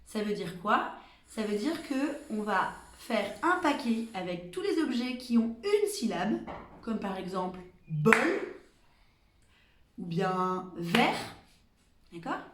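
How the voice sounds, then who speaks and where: A woman working as a preschool teacher, giving gentle, clear instructions to small children in a remote lesson. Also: medium pitch, very animated, takes it slowly, echoey room, far from the mic, a little hiss or hum.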